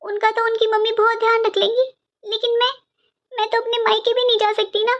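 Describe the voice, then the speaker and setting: A woman voicing a sad young pregnant daughter-in-law in an animated cartoon, talking in a plaintive, complaining, self-pitying way. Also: very high-pitched, brisk, lo-fi sound.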